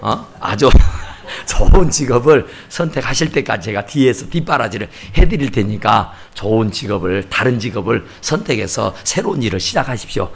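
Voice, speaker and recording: A pastor putting on a low, grumbling jealous husband. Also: male voice, animated, moderate pace, creaky, husky. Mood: condescending. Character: jealous, scornful middle-aged husband, a doctor.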